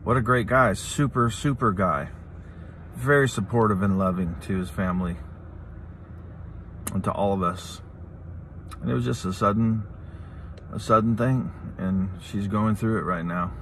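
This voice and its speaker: Low-voiced middle-aged man, noisy car recording. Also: unhurried, long pauses, a bit bright. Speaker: vlogger, channel host. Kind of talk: casual, candid talk to the camera. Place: inside a parked car. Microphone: phone at arm's length.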